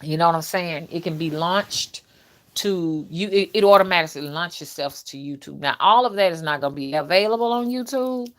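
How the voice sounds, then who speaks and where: Her voice is on the low side and she speaks fairly quickly. This early-fifties woman hosts livestreams and creates content, keeping a conversational tone with viewers, speaking right to them and often checking in with "okay" and "you know."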